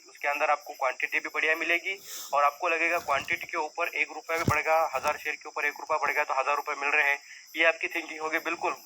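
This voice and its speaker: A man's voice: on the high side, pushed and bright, slight background noise, low-quality recording. A man teaching viewers about stock market risk in a conversational, repetitive lesson style. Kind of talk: explanatory screen-share lesson.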